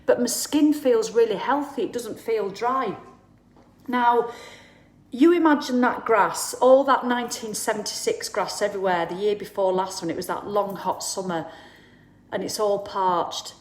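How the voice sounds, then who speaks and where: A woman's voice: medium pitch, unhurried, roomy sound. A woman, talking casually and bluntly to viewers as the host, acting out the people she quotes. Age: 50s. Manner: chatty, blunt, swears, acts out quoted people. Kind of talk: casual live talk to viewers.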